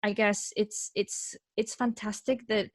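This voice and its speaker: A woman's voice: mid-range voice, unhurried, dry recording. Woman, candid and dry-sounding. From Mexico. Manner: candid, animated, with many restarts. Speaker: actress and guest. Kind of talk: casual interview conversation. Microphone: video call.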